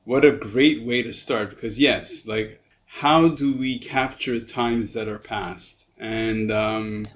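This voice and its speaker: A man hosting a podcast in casual chat, halting and repeating words as he thinks. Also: mid-range voice, fairly even intonation. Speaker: podcast host.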